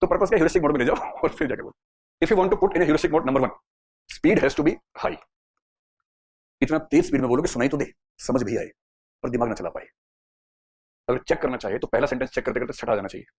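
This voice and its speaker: A husky-voiced man teaching psychology in a classroom. He talks very fast and playfully, slipping into little acted scenes to make his points. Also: medium pitch, darkish tone. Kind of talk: classroom lecture mixing Hindi and English.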